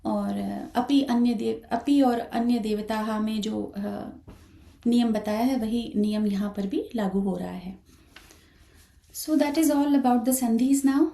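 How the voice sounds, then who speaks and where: Woman chanting teacher, unhurried, careful with every letter, warm high voice. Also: gravelly. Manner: slow, careful explanation with frequent hesitations; switches between talk and slow sung chanting. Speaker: Sanskrit recitation teacher. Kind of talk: online chanting lesson.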